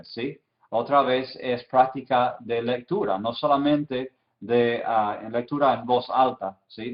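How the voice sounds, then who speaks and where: A man teaching an online language lesson, giving exercises patiently and repeating each word slowly for his students. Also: mid-range voice, echoey room, lo-fi sound.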